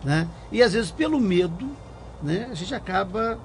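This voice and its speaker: Older judge guy, pretty high voice, thoughtful, kinda halting, repeats words. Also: lively intonation, slight background noise. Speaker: appellate judge, guest. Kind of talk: reflective conversation.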